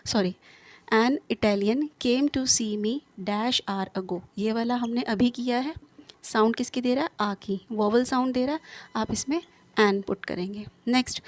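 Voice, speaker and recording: Slightly high-voiced woman teaching grammar. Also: no room sound. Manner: asks rhetorical questions and answers them herself; reads English examples slowly and deliberately. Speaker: English teacher. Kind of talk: explaining grammar in a lesson.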